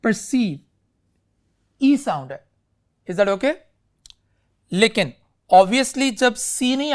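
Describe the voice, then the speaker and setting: A man is teaching English spelling in a classroom lecture that mixes Urdu and English. His voice is high and a bit bright, and he explains slowly and deliberately through many spelling examples. Addressing his students as "beta," he frequently checks whether they follow.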